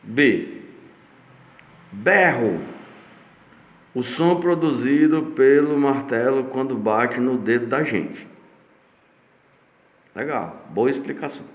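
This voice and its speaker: Slow, patient Brazilian male teacher. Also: medium pitch. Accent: Brazilian Portuguese. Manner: slow, explanatory, reads entries aloud with frequent "né?". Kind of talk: online class lesson. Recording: echoey room, dull lo-fi sound.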